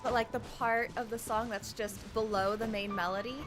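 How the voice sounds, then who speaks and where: A woman's voice: fairly high pitch, fairly even intonation, normal speed, low-quality recording. A young woman streaming a video game, chatting casually in a rambling, slangy way. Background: game music.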